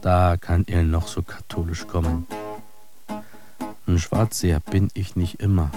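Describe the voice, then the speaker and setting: An actor playing an embittered, disillusioned fighter in a radio drama monologue, declaiming and cursing in coarse words. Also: male voice, low voice, level tone, unhurried, loud music behind the voice. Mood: bitter, cursing.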